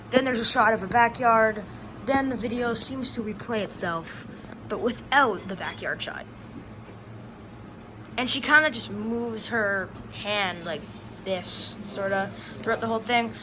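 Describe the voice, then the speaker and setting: A woman's voice: a little high, measured pace. A young female interviewer chatting casually and asking questions about reactions. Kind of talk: casual chat. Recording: noisy home recording.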